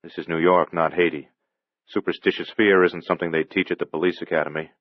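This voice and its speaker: A man playing a male police detective who speaks calmly and guardedly. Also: deep voice, quick pace, no room sound, highs cut off. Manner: calm, clipped, guarded.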